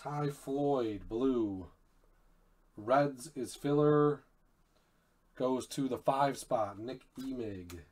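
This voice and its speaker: Slow, low-key man opening cards. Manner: slow and low-key, bursts into loud excited shouts on big pulls. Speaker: card break host. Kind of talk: live card-break commentary.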